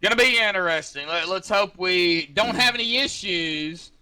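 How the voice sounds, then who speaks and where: A man's voice: high voice, normal speed, pushed and bright, clean tone. A man interviewing a race winner over voice chat, stumbling and repeating fillers.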